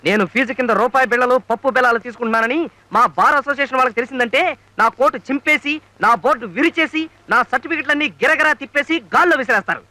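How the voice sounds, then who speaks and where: Show-off cheap lawyer, high bright voice, talks fast and big. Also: male voice, no echo, exaggerated voice. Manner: boastful and bluffing, scolds sharply. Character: boastful, fast-talking small-time male lawyer. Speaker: small-time lawyer. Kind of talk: film comedy dialogue.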